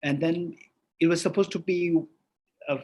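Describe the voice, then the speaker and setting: Delivering a Buddhist teaching, this middle-aged man keeps questioning himself aloud and answering, with frequent restarts and a lively manner. He speaks unhurriedly in a slightly high voice.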